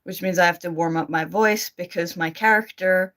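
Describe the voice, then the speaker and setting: A streamer and amateur voice actor reads and answers comments on a casual livestream, chatting informally and self-deprecatingly. Her voice sits on the low side with fairly even intonation, moderate pace, and a fairly bright tone. She has an Australian accent tinged with American.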